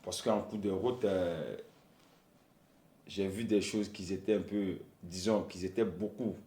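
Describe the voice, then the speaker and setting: Slow, deep-voiced young man. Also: mellow. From Côte d'Ivoire. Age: 20s. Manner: halting, searching for words. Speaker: young interviewee. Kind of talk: personal testimony. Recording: roomy echo.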